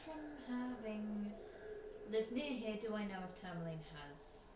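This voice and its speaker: A woman talks casually as a player in a tabletop game, halting and a little tentative. Her voice is mid-pitched, heard in an echoey room with clear background noise.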